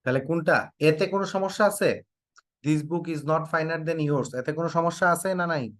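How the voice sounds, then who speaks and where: A man's voice: fairly high pitch, moderate pace, dry recording, clean studio sound. Bangladeshi man teaching English grammar. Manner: quizzing students, repeats prompts to type answers; joking mock threats. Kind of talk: online class lecture.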